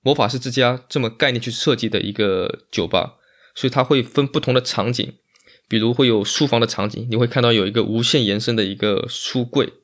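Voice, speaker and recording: Guy being interviewed, talks quick, explains stuff casually, repeats himself to make the point. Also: medium pitch. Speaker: interview guest, magician and bar owner.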